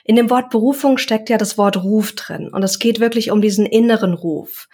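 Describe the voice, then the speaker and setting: In a relaxed interview, a reflective young woman who works as a self-employed coach gropes for her words at a moderate pace. She speaks a little high, with a darkish, slightly rough tone.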